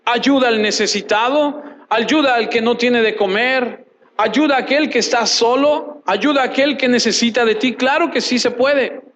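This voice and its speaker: A man preaching a sermon as a pastor. He asks questions and answers them himself, repeats short phrases for emphasis and reads scripture aloud in a measured way. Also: extremely high pitch, a bit bright, muffled recording, a little hiss or hum. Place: church.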